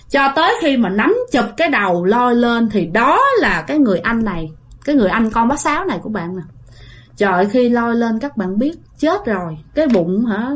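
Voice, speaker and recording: A woman telling a ghost story in a casual, chatty way, talking straight to her listeners. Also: on the high side. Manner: chatty, addresses listeners directly, many fillers.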